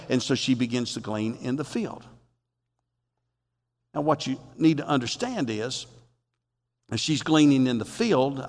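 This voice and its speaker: A man's voice: mid-range voice, long reverb tail. A man preaching a folksy, emphatic sermon as pastor of his church. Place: church sanctuary.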